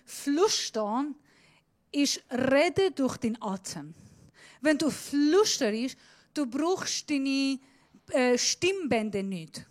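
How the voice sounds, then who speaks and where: Slow, dramatic, higher-voiced woman preaching. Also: sing-song. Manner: dramatic, shifting between loud emphasis and hushed near-whisper; slips in Swiss German words. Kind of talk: sermon.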